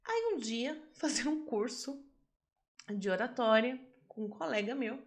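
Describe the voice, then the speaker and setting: Woman course teacher, lively and emphatic, slightly high voice, speaks straight to her class. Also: a little slow. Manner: animated, emphatic, swings between loud and soft; talks straight to the class, asking them questions. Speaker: self-development course teacher. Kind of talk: live class lecture with a personal story.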